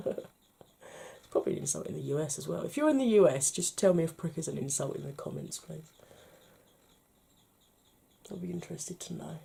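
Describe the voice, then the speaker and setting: A British woman talking through a makeup tutorial, chatty and playful, often dropping to a soft murmur. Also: low-pitched, lively intonation, normal speed, gravelly, long pauses, slightly rough. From United Kingdom. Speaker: beauty vlogger.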